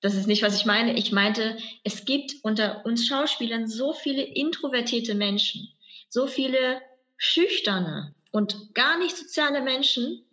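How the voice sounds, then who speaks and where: A woman's voice: fairly high pitch, a little slow, sharp tone, lo-fi sound. A German woman, an actress, reflecting in an interview, thinking aloud in a rambling way with many restarts. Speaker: actress and guest. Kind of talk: conversational interview.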